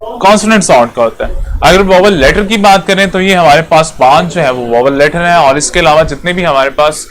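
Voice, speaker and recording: A man's voice: on the high side, a little fast, a bit bright. A man, an Urdu speaker, giving an English lesson in a classroom, repeating points and checking that students follow. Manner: repetitive, checks students with "clear?". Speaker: English teacher. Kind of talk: classroom lecture.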